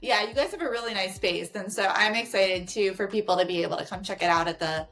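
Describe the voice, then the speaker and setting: A woman's voice: medium pitch, quick pace, a bit bright, soft background music. Encouraging woman hosting a podcast. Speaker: podcast host. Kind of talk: casual interview.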